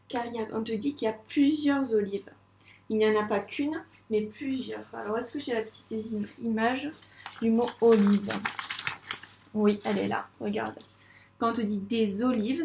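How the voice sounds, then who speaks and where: A woman teaching a child to read, slowly and patiently stretching out each letter sound and syllable. Her voice sits a little high, and the small room around her has a noticeable echo. She talks gently, as if guiding one child through the page. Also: far from the mic. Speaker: first-grade teacher. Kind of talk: reading lesson for young children. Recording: echoey room.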